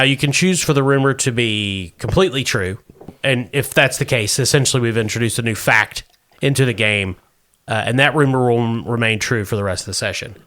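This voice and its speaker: A man's voice: medium pitch, a bit bright. A man hosting and narrating a comic tabletop game as game master.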